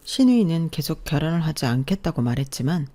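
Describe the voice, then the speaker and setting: A woman's voice: low-pitched, sing-song, quick pace, mellow. A woman reading a first-person radio story in a confiding, plaintive way. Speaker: story narrator.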